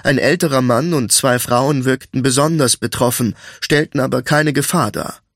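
A man narrating a fantasy audiobook in an even, measured storytelling voice. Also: medium pitch, gravelly, dry recording, clean studio sound.

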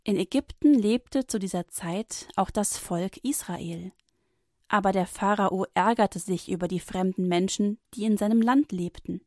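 A woman reading a Bible story for children, gently and expressively. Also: medium pitch, dry recording, clean studio sound.

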